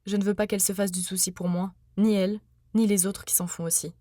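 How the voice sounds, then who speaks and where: A woman's voice: mid-range voice, level tone, warm tone, dry recording. Woman narrating a personal podcast, dry sound. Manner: earnest, measured, personal. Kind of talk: scripted first-person narration.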